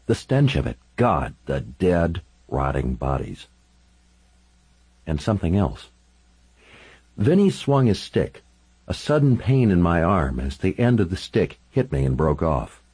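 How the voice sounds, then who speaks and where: A man's voice: low-pitched, sing-song, slow pace, pauses often, darkish tone, slightly rough, poor audio. A man reading a first-person story aloud as an intense, dramatic narration.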